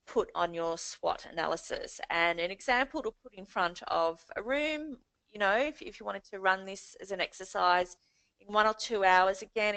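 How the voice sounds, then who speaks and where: A woman co-hosting a coaching call in an easy, chatty way, full of ums and restarts, with the odd laugh. Her pitch is mid-range and the recording is dry and close, with no room around her. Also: fairly bright tone, no room sound, poor audio. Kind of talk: casual explanatory chat.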